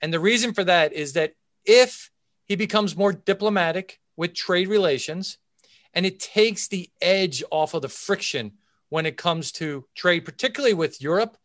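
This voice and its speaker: Male expert guest, fairly high voice, methodical and emphatic explainer, close dry sound. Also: expressive, a little slow, a bit bright, no room sound. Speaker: chief investment officer, interview guest. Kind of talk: expert market commentary in interview.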